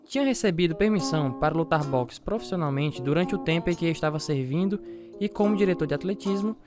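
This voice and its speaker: Over a guitar backing, a Brazilian-accented actor voices an earnest, devout boxer who is also a young father, telling his story in the first person in a reflective radio drama. His natural voice is fairly high and fast.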